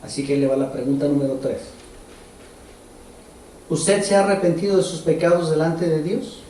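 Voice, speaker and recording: A man's voice: on the high side, normal speed, warm tone, a little hiss or hum. A man preaching a sermon as pastor, in a conversational way, putting direct questions to the congregation. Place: church hall. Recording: roomy echo from far off.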